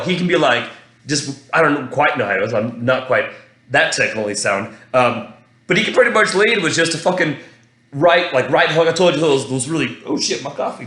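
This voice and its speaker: A man hosting his own show, recapping a fight in a casual, rambling monologue, excitable and swearing freely, with lots of restarts. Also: mid-range voice, echoey room. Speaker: podcast host.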